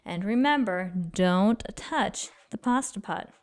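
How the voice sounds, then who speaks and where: A woman voicing a firm, kindly elderly village witch in a storybook, in a measured, instructing manner. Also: medium pitch, animated.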